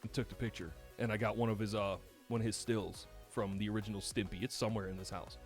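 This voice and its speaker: Animated New York man telling stories. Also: lowish voice, fast talker, faint music behind. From United States. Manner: animated, swearing, laughs a lot while telling stories. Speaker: podcast host. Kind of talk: casual storytelling chat.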